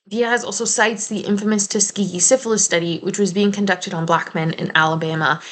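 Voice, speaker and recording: A woman's voice: mid-range voice, a bit bright. A young woman from New Jersey giving a casual video essay commentary, chatty and prone to playful asides. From New Jersey, United States.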